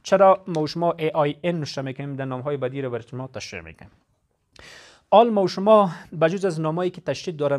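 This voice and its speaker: A man teaching a lesson, explaining step by step and repeating each point. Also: on the high side. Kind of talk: classroom lesson.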